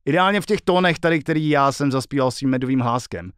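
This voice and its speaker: A man's voice: medium pitch, clean tone, dry recording, studio quality. A male streamer at home, chatting casually and joking with a lot of swearing while he works out a song. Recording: loud guitar music behind the voice.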